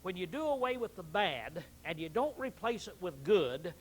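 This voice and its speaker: High-voiced man preaching casually. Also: sing-song, moderate pace, low-quality recording. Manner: conversational teaching with frequent throat clearing and restarts. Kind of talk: sermon.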